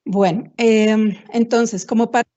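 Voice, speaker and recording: A woman's warm, muffled voice breaking up over a choppy video call, her words cutting in and out as she presents formally and with measured pauses. The connection drops syllables and the sound is dull and low-fidelity. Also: fairly even intonation. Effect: choppy, breaking-up video call audio. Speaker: webinar presenter. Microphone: computer mic on a video call.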